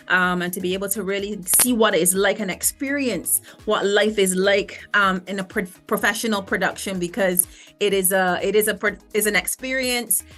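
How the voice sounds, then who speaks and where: Bright-voiced woman singer. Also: mid-range voice. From Barbados. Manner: earnest, reflective, with frequent restarts. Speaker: guest singer and vocal coach. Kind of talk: interview conversation.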